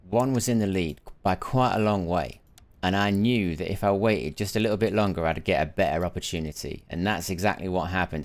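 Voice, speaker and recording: A tired gaming streamer, his voice lower than usual after a sleepless night, gives casual live commentary on his gameplay. He's chatty and muses aloud, often repeating words as he restarts.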